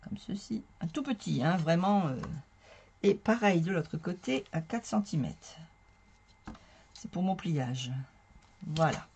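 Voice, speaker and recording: Hoarse French woman chatting through a craft demo. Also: mid-range voice, a little mellow, a little hiss or hum. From northern France. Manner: chatty, talks to viewers while working, self-mocking. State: hoarse from a sore throat. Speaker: craft tutorial host. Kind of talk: casual crafting tutorial.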